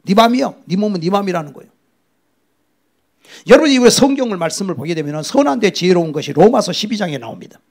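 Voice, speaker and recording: A middle-aged male pastor preaching with a high, lively voice that swings widely in pitch. His tone is gravelly and husky, and he tells the story dramatically, sometimes dropping to a whisper. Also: fast. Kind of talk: sermon.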